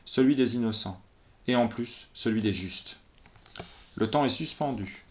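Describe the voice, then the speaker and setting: A man's voice: on the low side, a bit bright. Man narrating a tense first-person story.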